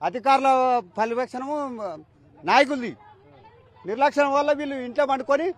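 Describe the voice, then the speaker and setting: A man's voice: extremely high pitch, a little fast, some chatter behind. A man farmer with a Telangana Telugu accent, speaking outdoors in a news interview in an angry, defiant way. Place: outdoors by a canal.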